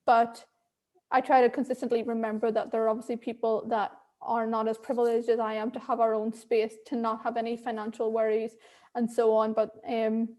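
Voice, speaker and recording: An Irish woman appears as an interview guest on a casual video call, speaking candidly in a fairly high, slightly mellow voice. She laughs often and repeats words while she thinks.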